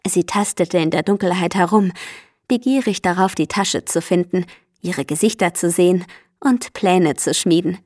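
A woman giving a steady, measured reading of a scripted storybook narration. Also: on the low side, no room sound, clean studio sound. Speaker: audiobook narrator.

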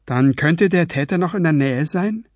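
A man voicing a nervous, high-strung young man with an anxious delivery in a husky voice. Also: expressive, moderate pace, darkish tone, dry recording, studio quality.

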